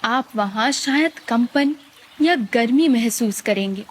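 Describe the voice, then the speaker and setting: A woman leads a meditation in a slightly high voice, very unhurried. She sounds calm and gently instructive, leaving lots of space between phrases.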